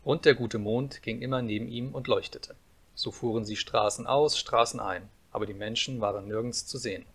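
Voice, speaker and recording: A man reading a fairy tale aloud as an audiobook narrator, calm and measured. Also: medium pitch, husky.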